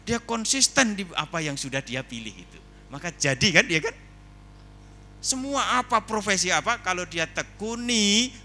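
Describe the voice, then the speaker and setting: A man giving a lively, humorous seminar talk indoors, telling stories and putting questions to the audience. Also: a little high, a little hiss or hum. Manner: animated storyteller, asks the audience questions. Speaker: seminar speaker.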